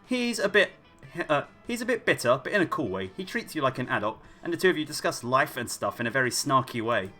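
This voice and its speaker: A man's voice: mid-range voice, very animated, quick pace, bright, forceful tone, soft background music. A man reading game narration aloud to friends on a livestream, teasing and laughing often. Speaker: streamer reading the game text.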